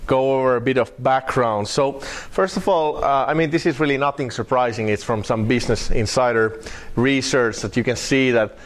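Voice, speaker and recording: Finnish man giving a wry technical talk. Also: medium pitch. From Finland. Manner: wry, halting, many fillers and restarts. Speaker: conference speaker.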